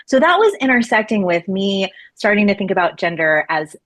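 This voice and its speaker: Her mid-range voice is very animated, brisk, and a bit bright. She's a Florida woman in her forties who researches laboratory medicine, talking casually and chattily as an interview guest with lots of fillers, restarts, and easy laughter.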